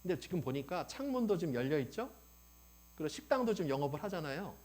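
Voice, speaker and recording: A pastor preaches with a fairly high voice that leaps up and down as he acts out the people in his stories. He keeps checking in with his listeners. A faint mains hum runs under the recording. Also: quick pace. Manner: animated storytelling, acting out quoted old people. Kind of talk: sermon.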